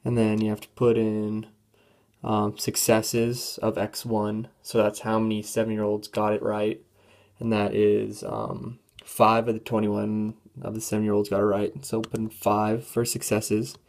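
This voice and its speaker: A teenage student walks through a statistics problem on a calculator, hesitating with many fillers and clearing a voice that is going hoarse. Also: mid-range voice, monotone, a little mellow. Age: teens. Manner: halting, filler-heavy, thinking aloud. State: losing voice, throat clearing. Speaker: student presenter. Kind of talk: classroom walkthrough of a calculator test.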